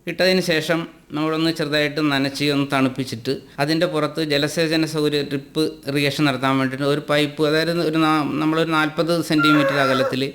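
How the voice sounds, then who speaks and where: A man's voice: fairly high pitch, flat delivery, a bit bright, a little hiss or hum. Malayali farmer explaining his methods. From Kerala, India. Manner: plain, unhurried explaining with hesitations. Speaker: farmer guest. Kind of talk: casual interview talk.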